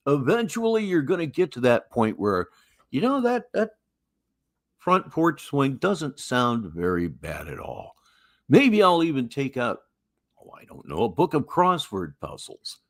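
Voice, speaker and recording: A man's voice: mid-range voice, wildly swooping pitch, unhurried, no echo. An older American man with a Midwestern accent, hosting a casual livestream with folksy, musing, wry commentary. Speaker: livestream host.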